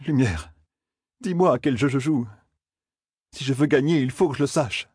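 A man's voice: medium pitch, moderate pace, darkish tone, slightly rough, no room sound, clean studio sound, voice pushed up. A man voicing a shaken young man pleading in a strained way.

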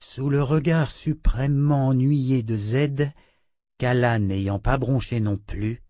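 A man narrating a fantasy audiobook in a measured, expressive reading. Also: medium pitch, no echo, studio quality.

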